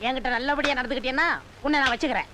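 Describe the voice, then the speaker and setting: A man's voice: extremely high pitch, steady tone, rapid-fire, very noisy. An actor playing a scheming, cowardly male disciple and ex-convict in a film comedy. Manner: cheeky, wailing when beaten. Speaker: sorcerer's disciple. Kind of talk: 1990s film comedy dialogue.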